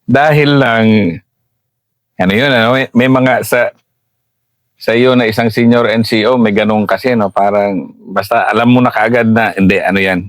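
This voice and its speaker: Low-voiced colonel host explaining to viewers. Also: male voice, steady tone, normal speed, long pauses, dry recording. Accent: Filipino. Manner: explains to viewers, asks probing follow-ups. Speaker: host, retired army colonel. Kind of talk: interview commentary.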